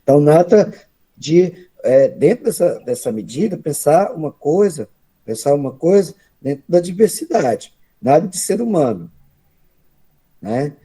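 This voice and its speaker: Husky, dark-voiced Brazilian man. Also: a little high, very animated, a little slow. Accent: Brazilian Portuguese. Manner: conversational, tag questions. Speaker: study group participant. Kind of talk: spoken remarks in a study meeting.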